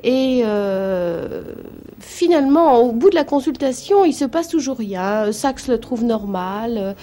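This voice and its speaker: A woman telling a story on the radio, lively, with many fillers. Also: a little high, takes it slowly. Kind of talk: anecdote storytelling.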